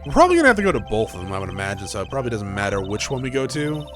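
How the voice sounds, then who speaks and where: A man chatting through a video game playthrough in a mid-range voice, casual and joking. His pitch swings a lot from line to line. Faint game music plays behind him. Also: sing-song, racing. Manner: offhand and joking, with laughs. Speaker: gaming channel host. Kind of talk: casual let's play commentary.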